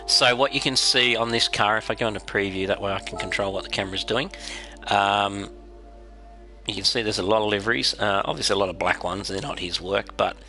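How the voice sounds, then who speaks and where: An Australian man with a raspy, congested head-cold voice, giving unhurried, casual explanations as he hosts a game livestream. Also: fairly low pitch, bright, forceful tone.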